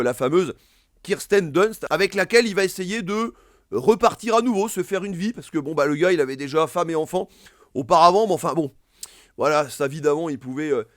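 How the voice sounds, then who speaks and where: A man's voice: a little high, no room sound, studio quality. A man casually reviewing films and series, rambling with many fillers and restarts. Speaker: film reviewer. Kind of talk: casual film review monologue.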